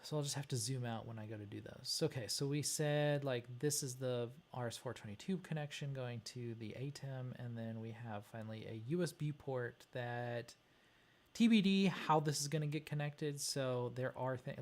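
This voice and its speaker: A mid-range voice at normal speed belongs to a livestream host who chats casually, muttering hesitantly and thinking aloud while working on a wiring diagram.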